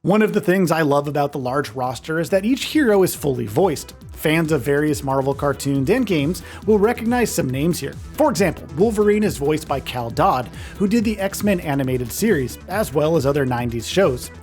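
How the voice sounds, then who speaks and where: A man's voice: fairly high pitch, expressive, normal speed, hardly any pauses, darkish tone. A man giving a scripted, top ten countdown style narration in an enthusiastic, informal way. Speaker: video game countdown narrator. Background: music.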